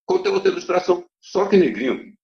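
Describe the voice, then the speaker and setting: A man's voice: high-pitched, lively intonation, brisk, vocal fry. A man giving a testimony to a congregation, telling a story in a dramatic, emphatic way. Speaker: church member giving testimony. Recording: dull lo-fi recording.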